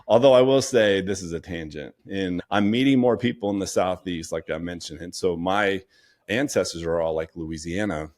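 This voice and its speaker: A man's voice: deep voice, normal speed, darkish tone. A young man hosting a podcast, chatting in a casual, rambling way with lots of fillers. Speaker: podcast host. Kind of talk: casual interview chat.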